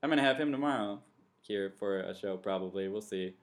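Fast-talking man hosting a rambling podcast. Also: lowish voice. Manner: rambling, quick, trailing off into mumbles. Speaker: podcast host. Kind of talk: casual podcast chat.

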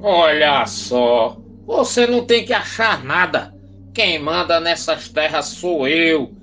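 An actor playing a furious, domineering rural landowner in a radio play, scolding and imperious. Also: male voice, a little high, expressive, slow, pushed and bright, full character voice. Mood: angry, domineering. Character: furious, domineering rural landowner major, an all-powerful boss.

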